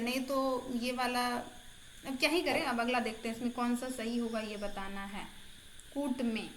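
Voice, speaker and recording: A woman's voice: fairly high pitch, fairly bright tone, reverberant, slight background noise. A woman exam-prep tutor in a casual online lesson, chatty and encouraging, repeating answers aloud.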